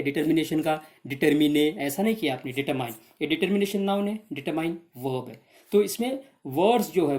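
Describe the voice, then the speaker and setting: A woman teaching English to students in an exam revision lesson, with an Indian English accent, switching between Hindi and English and slowly repeating example words. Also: fairly low pitch, darkish tone.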